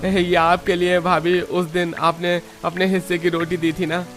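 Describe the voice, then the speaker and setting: A man voicing a humble brother-in-law who apologizes quietly. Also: sits high, completely flat delivery, a little slow, faint music behind. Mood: remorseful.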